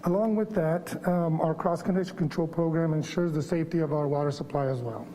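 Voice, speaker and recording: A man's voice: a little high, fairly quick, dark tone, a little hiss or hum. A man giving a formal staff presentation at a public meeting, slightly muffled as he speaks through a face mask. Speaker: water quality manager presenting. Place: public board meeting room.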